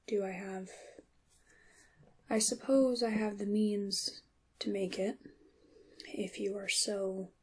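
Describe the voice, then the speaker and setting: In an ASMR roleplay, a woman with a fairly high voice plays a mysterious witch shopkeeper centuries old, heavily acting the part. She speaks softly and breathily, often dropping to a whisper, using courteous, old-fashioned phrasing with a coy, wry air that comes across as wry and reluctant.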